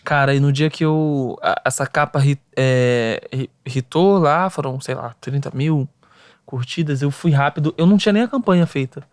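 Carioca guy w a fairly high voice, chatty laid-back storytelling, dry close mic. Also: moderate pace, dry recording. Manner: relaxed storytelling, slang-heavy. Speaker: guest author. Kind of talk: casual podcast conversation.

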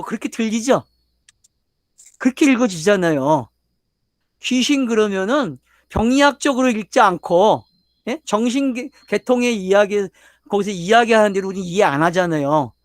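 In this sermon lecture, an older pastor keeps firing questions at his audience and drives each point home with emphasis. He speaks at a moderate pace in an animated, high-sitting voice, and the studio recording is clean with no room sound.

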